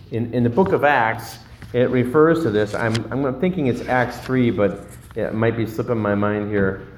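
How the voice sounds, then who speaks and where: Casual preacher in an echoey room. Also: male voice, medium pitch, a little mellow, a little hiss or hum. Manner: casual, searching for words, loses his notes. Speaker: pastor. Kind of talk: sermon.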